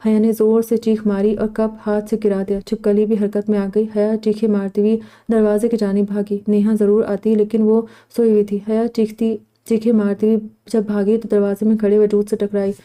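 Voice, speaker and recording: Audiobook narrator, woman, steady, very mellow tone, little pitch movement. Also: hardly any pauses. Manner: steady, even storytelling. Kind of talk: scripted novel narration.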